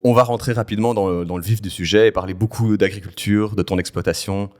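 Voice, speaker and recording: A man's voice: lowish voice, steady tone, fast, a little mellow. A man hosting a podcast, introducing the show and asking a guest questions with some hesitation. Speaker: podcast host. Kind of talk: podcast interview.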